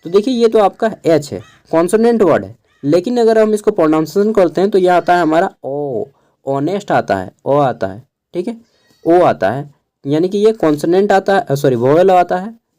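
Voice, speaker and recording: Mellow-voiced young man teaching. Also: sits high, animated. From Jharkhand, India. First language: Khortha. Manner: explains slowly, spells words out letter by letter; keeps checking in with listeners. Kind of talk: casual exam-prep lecture.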